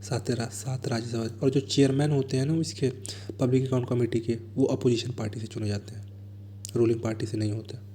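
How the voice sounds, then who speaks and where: Indian man, exam coach, dark mellow tone, monotone and unhurried delivery. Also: medium pitch, a little hiss or hum. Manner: reads questions slowly, then explains in fast asides. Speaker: exam prep teacher. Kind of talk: explaining exam answers.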